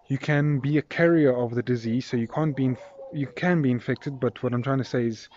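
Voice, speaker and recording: A friendly South African vlogger in his twenties rambles casually with many fillers while filming his daily vlog outdoors in a residential yard, phone held at arm's length. He talks fairly quickly in a medium-pitched, slightly mellow voice, captured in a slightly dull phone recording.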